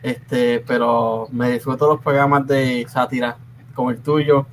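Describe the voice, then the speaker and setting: A man hosting a podcast in casual chat, relaxed and laughing. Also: medium pitch, measured pace, a little hiss or hum. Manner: relaxed, laughing, profanity-laced. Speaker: podcast host.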